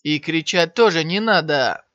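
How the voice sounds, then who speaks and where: A man voicing Shiyan, a cold and ruthless young cultivator in an audiobook, who speaks in a flat, commanding way. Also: a little high, a little slow, dry recording. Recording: dry, slightly dull sound.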